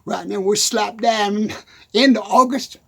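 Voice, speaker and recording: A man's voice: high voice, fairly even intonation, a little slow, gravelly, slightly rough, full character voice. A man with a Texan accent playing a giggly good-ol'-boy country character in a rambling comic monologue. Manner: constant giggling, folksy rural grammar.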